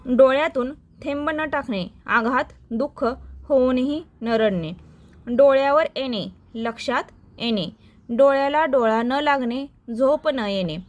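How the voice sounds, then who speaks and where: Slow, dictating female teacher. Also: high-pitched. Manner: slow, dictation-like listing of phrase and meaning. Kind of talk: reciting Marathi idioms for exam prep.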